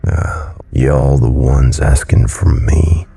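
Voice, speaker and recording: A man voicing a burly, hostile bar owner in his late forties with a thick Cajun drawl and a gruff voice. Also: a bass voice, steady tone, slow, warm tone, faint music behind, exaggerated voice. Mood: surly drawl.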